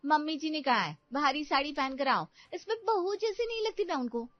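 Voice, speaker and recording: A woman voicing a modern young newlywed bride who whines and complains in a high tone. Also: lively intonation, moderate pace, no room sound, soft background music. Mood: polite, annoyed. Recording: dry, slightly dull recording.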